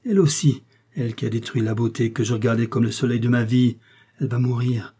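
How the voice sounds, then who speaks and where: Dying villain, feverish and gloating, shouting his triumph, read by a man; husky, storybook audiobook. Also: medium pitch, a little fast, lightly acted. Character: dying, vengeful male criminal, gloating and feverish.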